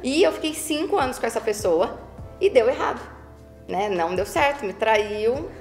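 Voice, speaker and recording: Animated Brazilian woman telling her story. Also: a little high, normal speed. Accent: Brazilian Portuguese. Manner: animated and emphatic, laughs often. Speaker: guest, real estate broker. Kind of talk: personal storytelling in a podcast interview. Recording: roomy sound with faint music.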